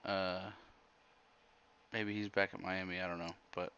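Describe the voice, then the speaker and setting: A man's voice: deep voice, little pitch movement, unhurried, vocal fry, fairly bright tone, clean tone, dull audio. A man hosting a casual livestream, laid-back and dry as he announces picks. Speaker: host.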